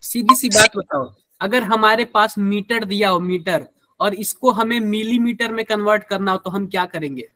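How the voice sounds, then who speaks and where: A man's voice: high-pitched, normal speed, bright, forceful tone, dry recording. A man with a Hindi accent teaching a live online chemistry class, quizzing students and using everyday examples.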